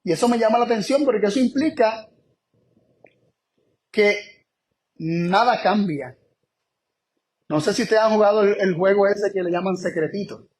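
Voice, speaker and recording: A man with a notably high voice preaching a Bible study sermon. He leans hard on key phrases and repeats them, slowing right down for emphasis and then hurrying through his asides. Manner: emphatic, repeats key phrases, shifts between slow stress and quick asides.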